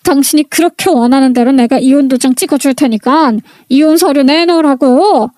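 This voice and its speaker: A woman's voice: sits high, fairly quick, darkish tone, no echo, natural voice. A woman voicing a defensive, irritable husband caught cheating. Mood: irritated.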